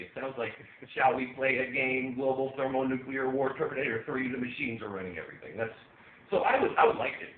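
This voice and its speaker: Offbeat man doing stand-up in a bookstore. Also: fairly low pitch. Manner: offbeat deadpan delivery with sudden loud yelled bits. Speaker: stand-up comedian. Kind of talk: stand-up comedy set. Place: small bookstore. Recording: phone-like, echoey, faint hiss.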